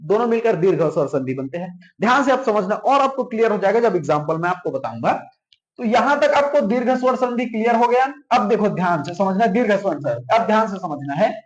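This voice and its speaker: A man's voice: high-pitched, sing-song, a little fast. Man, Chhattisgarh Hindi accent, coaching teacher, repetitive drilling lecture, echoey room, lo-fi muffled sound. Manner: repetitive, drilling, keeps asking if it's clear. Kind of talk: classroom lecture.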